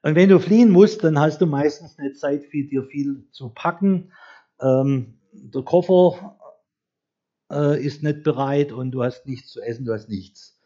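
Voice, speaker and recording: A man preaching a conversational, storytelling sermon who slows down to read scripture aloud. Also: a little high, warm tone. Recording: dull lo-fi recording.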